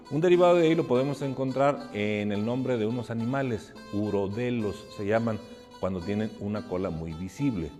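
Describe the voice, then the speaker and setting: Male teacher, explanatory and methodical, long reverberant hall, soft guitar bed. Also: mid-range voice. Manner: measured, explanatory, spells out examples. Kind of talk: educational narration.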